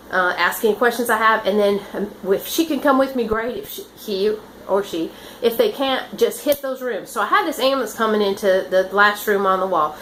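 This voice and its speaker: A woman's voice: fairly high pitch, pushed and bright, a little hiss or hum, low-quality recording. A woman who works as a nurse, telling her stories in a rambling, earnest way with many restarts. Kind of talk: casual storytelling.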